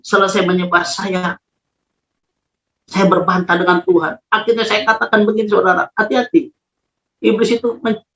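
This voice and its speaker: A man preaching a sermon as a pastor, telling a personal story with emphatic, dramatic delivery. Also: high-pitched. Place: his own room. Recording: echoey, dull lo-fi room recording.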